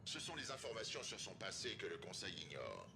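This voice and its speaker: A man playing a grave councillor presiding over a deliberation in a video game, formal and deliberate. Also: huge pitch swings, gravelly, full character voice. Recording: noisy recording with low rumble.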